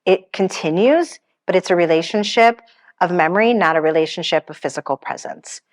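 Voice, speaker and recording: Speaking briskly with a fairly low pitch, a gentle woman counsels the grieving during a seminar at a funeral home. Her conversational talk is reassuring and full of personal stories, and she mentions having a pretty strong voice.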